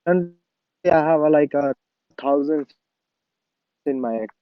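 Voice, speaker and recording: A man asking questions over an online group call, his audio breaking up now and then, talking haltingly with lots of fillers. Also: on the high side, dry recording. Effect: choppy internet call audio breaking up. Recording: dull lo-fi call line, breaking up.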